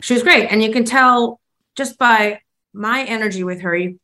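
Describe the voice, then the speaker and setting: A woman's voice: fairly high pitch, moderate pace, pushed and bright. Chatty woman co-hosting a rewatch podcast. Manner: chatty, self-deprecating storytelling. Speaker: podcast co-host, former actress. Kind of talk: casual rewatch podcast chat.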